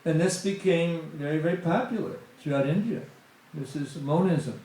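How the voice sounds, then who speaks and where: This middle-aged man speaks at a fairly high pitch and a moderate pace, his tone warm. As a guest speaker at a temple satsang, he offers a conversational spiritual talk loaded with "you know" asides, recorded in a very echoey temple hall with slight background noise.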